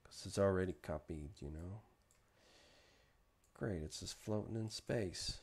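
A man's voice: sits low, unhurried, darkish tone, slightly rough. A man narrating casually as he works on a 3D sculpt, muttering asides to himself. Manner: mumbling asides to himself while working. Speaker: 3D modeling vlogger. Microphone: desk microphone.

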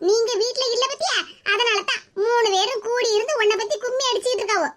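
A woman's voice: very high-pitched, fast talker. A woman doing a spiteful scheming sister-in-law. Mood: taunting. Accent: Tirunelveli Tamil. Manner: taunting, needling. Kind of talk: cartoon voice acting. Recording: noisy cartoon audio.

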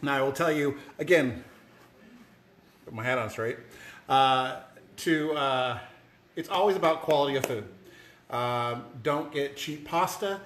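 A man's voice: mid-range voice, a little slow, pauses often, a bit bright, a little hiss or hum. A man hosting a home cooking show, chatting casually to the camera with lots of fillers and restarts, in a home kitchen. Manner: rambling, many fillers and restarts. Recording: echoey room.

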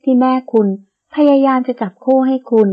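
A stern, proud young woman, voiced by a female reader in an audiobook romance, who scolds and demands answers. Her voice sits high, and her manner is sharp. The audio is muffled and lo-fi. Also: fairly even intonation, moderate pace, lightly acted. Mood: demanding. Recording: dull lo-fi audio.

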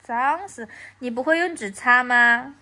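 A woman's voice: a little high, measured pace, sharp tone. A woman from Anhui scolding her toddler at home, repeating baby talk. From Anhui, China.

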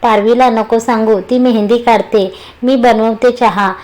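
A woman voicing a calm middle-aged mother in a storybook reading. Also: fairly high pitch, measured pace, natural voice.

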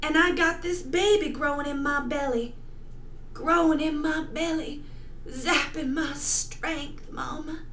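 A woman's voice: sits high, fairly bright tone. A young woman playing a tragic, sorrowful pregnant small-town girl mourning her mother in a melodramatic monologue. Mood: desperate lament. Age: young adult. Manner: tragic, sorrowful, melodramatic pleading with drawn-out pauses. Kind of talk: overwrought dramatic monologue. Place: small bedroom, indoors. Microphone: webcam at arm's length. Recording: roomy webcam sound, faint noise.

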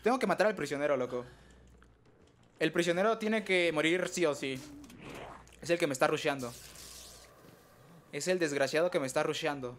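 A young man doing live gameplay commentary, excitable, trash-talking opponents and letting out sudden high yelps. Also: moderate pace, long pauses, a little hiss or hum. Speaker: gaming streamer.

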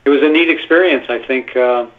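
Over a tinny phone connection, a Canadian actor appearing as a guest speaks at a fairly quick clip with a medium-pitched voice. It's a relaxed phone-in interview, and his storytelling wanders, heavy with filler words.

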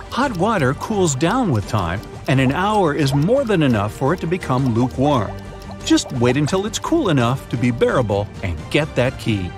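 A man tells a trap-filled adventure straight to the listener in a bouncy, expressive voice that swings widely in pitch. His delivery is pitched a little high and styled as scripted storytelling, with soft music running behind. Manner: lively, dramatic, second-person storytelling with quiz questions. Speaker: narrator. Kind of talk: scripted narration of riddle story. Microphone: studio voice-over.

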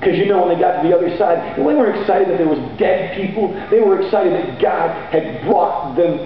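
A middle-aged man preaching a sermon on stage with a handheld mic, energetic and sometimes shouting as he paces. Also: high voice, brisk. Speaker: pastor. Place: large hall stage with band gear, seen from far off. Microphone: handheld mic, far camera. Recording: echoey hall from far off, dull audio, faint noise.

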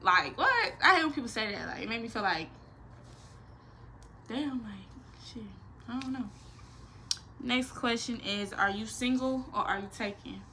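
A nineteen-year-old woman with a slightly high voice speaks a little slowly, leaving long pauses, over a faint hiss or hum. Chatting playfully in a Q&A vlog from her small bedroom, she's slangy and animated, with expressive hand gestures.

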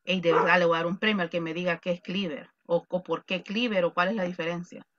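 A woman with a Salvadoran accent teaching an online English class, lively and joking as she quizzes her students. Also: lowish voice, quick pace, dull audio. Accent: Salvadoran Spanish.

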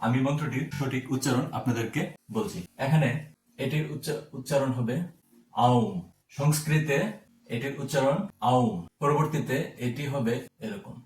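A man giving a slow, careful pronunciation lesson, spelling words out sound by sound. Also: medium pitch, darkish tone, roomy sound, far from the mic, slight background noise. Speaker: teacher.

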